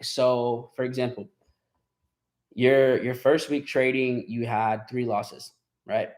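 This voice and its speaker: A man's voice: mid-range voice, little pitch movement, takes it slowly. A man hosting a live Q&A on trading, casually encouraging his students and talking through their journals with lots of fillers and restarts. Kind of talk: casual live-stream talk.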